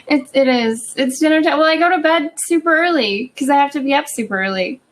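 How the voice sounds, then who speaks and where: A woman's voice: sits high, a little fast. A woman in her thirties, co-hosting a podcast, chatting casually over a remote call and often restarting her sentences. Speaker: podcast co-host. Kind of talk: casual chat.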